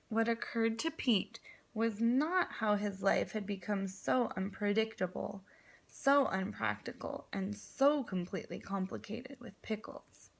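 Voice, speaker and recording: Speaking in a gravelly, mid-range tone, this woman teaches kindergarten and is reading a tale aloud with feeling. She guides the kids through it using easy questions and theatrical wording.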